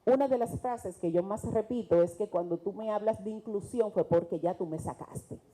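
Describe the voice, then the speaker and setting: A woman's voice: medium pitch, normal speed, warm tone, poor audio. A Dominican woman with a Dominican Spanish accent, speaking earnestly and emphatically as a mental health specialist on a TV panel. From Dominican Republic. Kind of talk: TV panel discussion.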